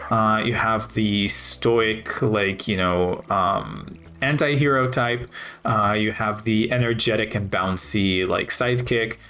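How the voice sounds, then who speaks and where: A man's voice: on the low side, slow pace, bright, forceful tone. A man casually commenting while playing a video game, rambling and thinking aloud with many fillers. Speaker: gaming video host.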